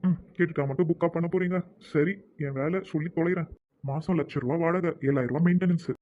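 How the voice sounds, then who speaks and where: Cartoon: man voicing a fed-up caretaker, rapid exasperated grumbling, tinny phone-like sound. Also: a little high, a little hiss or hum, close to an everyday voice. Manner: exasperated, sighing complaints. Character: weary grumbling male flat caretaker.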